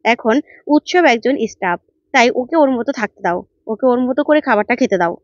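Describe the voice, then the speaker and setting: A woman's voice: a little high, animated, brisk, no echo, natural voice. A woman voicing a level-headed young woman who pleads earnestly but firmly, in a dull, dry recording. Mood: pleading.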